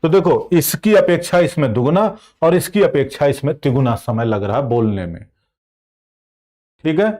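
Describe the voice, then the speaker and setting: A man's voice: medium pitch, expressive, normal speed, dark tone. A man teaching an online exam-prep class. He explains patiently, asks the class questions and then answers them himself. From India. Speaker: Hindi teacher.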